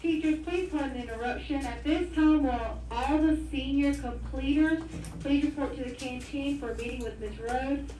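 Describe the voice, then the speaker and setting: A woman making a polite, formal announcement over a school intercom loudspeaker. She repeats her message, and it is heard from across an echoey classroom. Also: high voice, moderate pace. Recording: echoey classroom loudspeaker from far off, faint noise.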